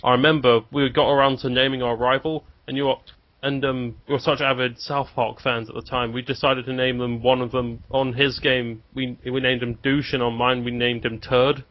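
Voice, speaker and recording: A man co-hosting a podcast, telling a story hesitantly with many pauses and ums. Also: medium pitch, level tone. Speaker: podcast co-host. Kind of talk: casual storytelling chat. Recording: muffled lo-fi audio.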